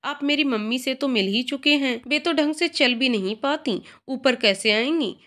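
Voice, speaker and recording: Woman voicing a soft-spoken distressed young woman. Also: high-pitched, moderate pace. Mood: subdued.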